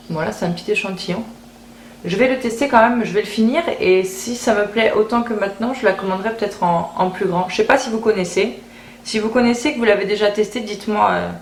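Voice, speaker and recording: A woman chatting casually through a beauty haul video, often repeating words as she thinks aloud. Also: mid-range voice. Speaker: beauty vlogger. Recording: roomy echo, faint background hiss.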